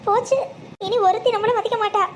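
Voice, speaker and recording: Cartoon lead: a scheming young wife, very high and fast-talking. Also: female voice, fairly even intonation, background noise. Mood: panicked. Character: fretful young married woman, sharp-tongued, scheming. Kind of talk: animated cartoon voice acting.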